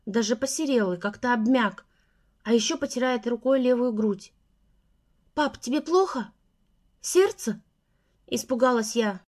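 A woman reads a first-person story aloud as audiobook narration. Her voice sits a touch high and keeps a steady storytelling pace.

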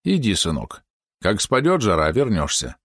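A man voicing a huge, gruff village carpenter and father in an audiobook, grumbling but kindly underneath. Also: lowish voice, huge pitch swings, normal speed, a bit bright, no room sound, studio quality, exaggerated voice. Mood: gentle.

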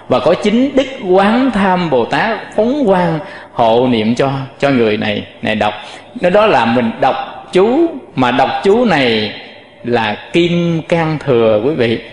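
Male monk teacher, slightly high voice, patient sermon delivery, roomy echoing hall with long reverb. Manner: explains patiently, often addressing listeners directly, demonstrates chant tones. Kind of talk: dharma talk with chanting demonstrations.

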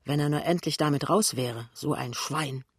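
A man's voice: fairly high pitch, moderate pace, husky, dry recording, studio quality. A man voicing a nervous young male salesclerk who speaks curtly and in anger. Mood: muttering. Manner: curt, angry.

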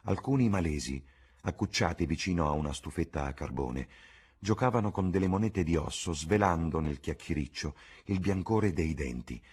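Male audiobook narrator, deep and husky, slow measured literary reading. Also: animated. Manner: slow, measured and dark storytelling. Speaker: audiobook reader.

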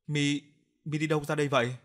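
A man doing a brisk young shrimp farmer. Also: a little high, level tone, natural voice. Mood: earnest.

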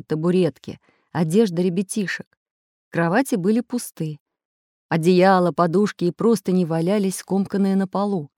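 Woman storybook narrator, mid pitch, very lively intonation, dry close mic. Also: dry recording. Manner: expressive, clear reading.

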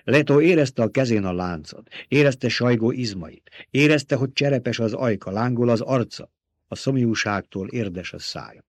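A man's voice: animated, no echo. Male audiobook narrator, dry and close. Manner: voices characters by raising pitch and volume in dialogue. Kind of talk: audiobook reading of a novel.

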